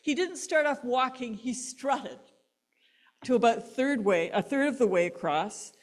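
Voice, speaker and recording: A woman pastor, delivering a sermon as an animated story and laughing between lines. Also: a little high, a little slow.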